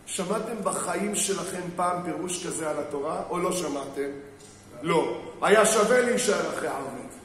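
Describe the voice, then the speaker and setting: A high-voiced male rabbi lectures on marriage as a sermon before a live audience in a synagogue hall. He tells stories, acts out the people he quotes, and puts questions to the crowd. The hall is very echoey, with faint background noise.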